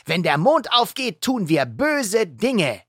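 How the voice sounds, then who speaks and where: A woman's voice: medium pitch, very animated, slow, a bit bright, slightly rough, no room sound, studio quality, voice pushed up, heavily acted. A woman voicing a bossy, boastful werewolf kid who talks in a cocky, threatening way.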